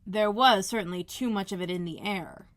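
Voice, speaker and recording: A female librarian reads a children's storybook aloud with expressive narration, her voice at medium pitch and moderate pace.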